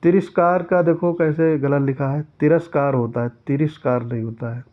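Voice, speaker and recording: A man's voice: fairly high pitch, steady tone, normal speed. A man teaching an exam-prep lesson who reads each question aloud and then corrects it step by step. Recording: tinny phone-like sound.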